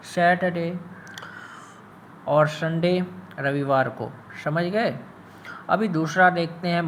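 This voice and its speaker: A man's voice: on the high side, a bit bright, a little hiss or hum. A man teaching English pronunciation in Hindi, drawing out and repeating each word with teasing asides. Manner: slow, drawn-out words, repeats terms for learners, teasing asides.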